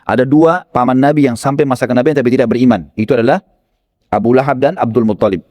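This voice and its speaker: A man preaching a sermon in storytelling style, animated and speaking to his listeners as friends with frequent tag fillers. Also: medium pitch, fast. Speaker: Islamic preacher.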